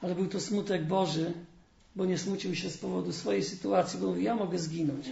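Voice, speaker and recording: A man's voice: sits high, level tone, brisk, vocal fry, darkish tone, reverberant, highs cut off. A man preaching a sermon who reads scripture and talks to the congregation directly, with a light teasing touch.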